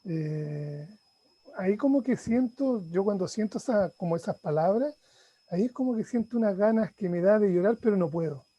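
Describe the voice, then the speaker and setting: Man, middle-aged, high pitch, very dark and mellow, hesitant, lo-fi audio. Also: expressive. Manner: halting, hesitant, heartfelt. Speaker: student in counseling course. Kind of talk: personal sharing in class.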